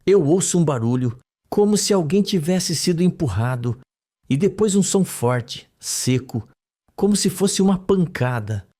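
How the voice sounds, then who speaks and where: A man's voice: on the high side, lively intonation, measured pace, warm tone, pitched above the performer's own voice. A man reading the lines of a frightened young woman recalling a scene under hypnosis, in a dreamy, trembling way, for a soap opera recap. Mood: tense. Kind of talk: read-aloud soap recap.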